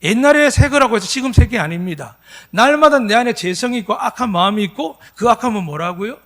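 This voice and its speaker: A man's voice: high-pitched, animated, fast, a bit bright. A pastor in his fifties preaching at a Sunday church service, emphatic and full of rhetorical questions to the congregation. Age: 50s. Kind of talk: sermon.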